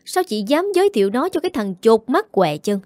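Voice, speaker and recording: A woman voicing a proud, domineering older mother who scolds in rapid, shrill tirades. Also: big pitch swings, mellow, dry recording. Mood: furious scolding.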